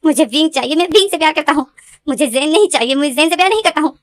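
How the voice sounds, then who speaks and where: A woman's voice: high voice, expressive, very fast, voice pushed up. A woman voicing a heartbroken, obsessive young man who pleads and insists. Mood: insistent.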